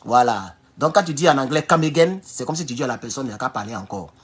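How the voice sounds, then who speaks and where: A man from Burkina Faso with a Burkinabè French accent, giving an animated political commentary vlog and exhorting his listeners as comrades. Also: medium pitch, fast, slightly rough.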